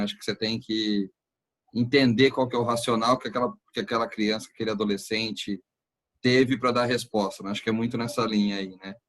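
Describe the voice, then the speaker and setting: A man's voice: fairly low pitch, fairly bright tone. A man hosting an interview, asking long questions and thinking aloud with many restarts and "acho que". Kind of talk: conversational interview.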